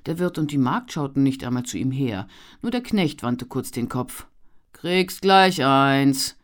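A narrator reading a historical novel aloud in measured, expressive audiobook narration. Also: medium pitch.

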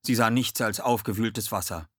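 A man narrating a children's audiobook in a lively, expressive reading. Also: lowish voice, normal speed, breathy edge, dry recording, studio quality.

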